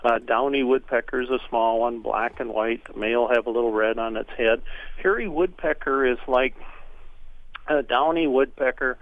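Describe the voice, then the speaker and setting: A man calling in to a radio show, spinning folksy, joke-filled stories in a voice of middling pitch. His voice comes through a thin, narrow phone line, dry and close with no room sound. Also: normal speed, no room sound. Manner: folksy, joking storyteller. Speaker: regular birding guest on a radio show. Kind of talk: casual radio chat.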